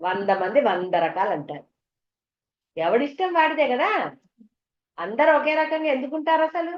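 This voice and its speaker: This woman's voice sits high and is expressive, moving at a normal speed as she gives a devotional talk. As a spiritual teacher she chats with the audience, shares homely anecdotes and asks them questions, and the hall recording sounds dull and echoey.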